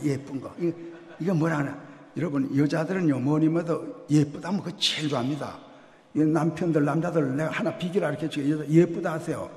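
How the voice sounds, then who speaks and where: An older man who is a pastor, preaching a sermon in a lively storytelling way with humor and acted voices. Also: a little high. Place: church sanctuary. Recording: echoey church hall.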